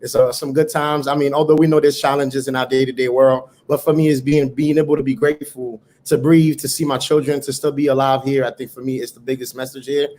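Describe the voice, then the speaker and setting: His mid-range, darkish voice shows little pitch movement, and he talks briskly with hardly any pauses. The speaker is a middle-aged startup founder from Haiti, telling his story earnestly and motivationally in a conversational interview, with occasional repeated words.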